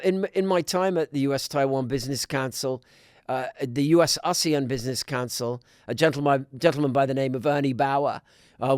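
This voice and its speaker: A middle-aged man from Scotland, a podcast guest talking in a measured way with many restarts. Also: mid-range voice, clean tone, no room sound, studio quality. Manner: measured, with frequent restarts and fillers. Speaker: guest, business council president. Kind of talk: conversational podcast interview.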